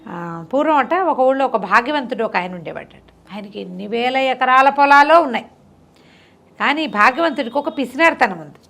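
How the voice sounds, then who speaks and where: A storyteller chats her way through bedtime folk tales conversationally, explaining with repeated lists of detail. Her high-pitched voice is animated, creaky, pushed and bright, at a moderate pace.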